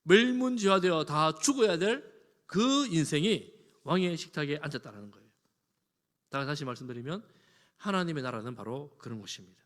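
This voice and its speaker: A man, a pastor, preaching a sermon. He moves from loud emphasis to soft, conversational asides with homely examples. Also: a little high, animated, moderate pace. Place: church sanctuary. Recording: long reverb of a church hall.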